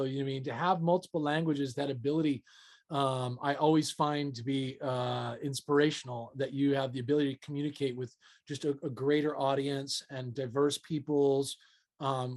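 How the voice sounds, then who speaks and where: A man's voice: medium pitch, a little mellow. A man hosting an interview, asking questions in a rambling, enthusiastic way with many fillers like you know. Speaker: interview host.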